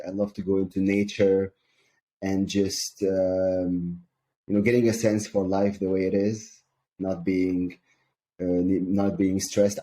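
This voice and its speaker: A man from Syria, a sales coach, speaking calmly and measuredly as an interview guest, with frequent ums. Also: deep voice, slight background noise.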